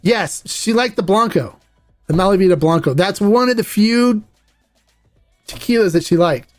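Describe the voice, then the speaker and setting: A man's voice: high-pitched, normal speed, faint music behind. Chatty, enthusiastic male podcast host. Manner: rambling, enthusiastic, playful. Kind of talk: casual chat.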